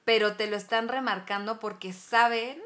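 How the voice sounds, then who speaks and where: Woman, posh upper-class speech, blunt, animated, casual chat, slightly high voice. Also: moderate pace.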